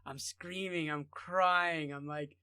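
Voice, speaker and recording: A man in his forties chats as a podcast guest, with a slightly higher voice. He tells childhood stories in an animated way, often laughing and restarting his sentences. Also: slow, crowd noise. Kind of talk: casual storytelling.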